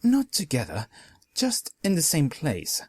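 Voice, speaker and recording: A man's voice: on the high side, huge pitch swings, unhurried, husky, no echo, voice pushed up, heavily acted. A man voicing a giddy, lovestruck young male pony, talking in a raised, loose voice. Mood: awkward. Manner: raised, slurred, giggly.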